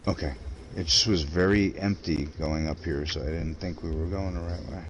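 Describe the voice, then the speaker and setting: A man's voice: deep voice, steady tone, moderate pace, highs cut off. A man in casual gaming chat, telling rambling, informal and mildly salty stories to a teammate. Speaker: video game player chatting with a teammate. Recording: clearly noisy game stream voice chat.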